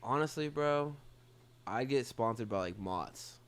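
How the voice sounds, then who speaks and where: A man's voice: mid-range voice, lively intonation, unhurried. A man from Boston, a guest athlete, talking casually with laid-back slang. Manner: laid-back slang, says bro a lot. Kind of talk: casual chat.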